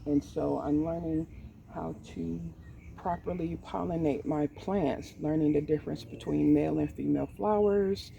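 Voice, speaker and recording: A woman in her forties, talking candidly and hesitantly in a garden, with frequent pauses and ums. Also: low voice, steady tone, vocal fry, mellow, distant mic, highs cut off, a little hiss or hum. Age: 40s. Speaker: vlogger. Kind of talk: candid personal talk. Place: outdoors in a garden. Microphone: poor mic set away from the speaker.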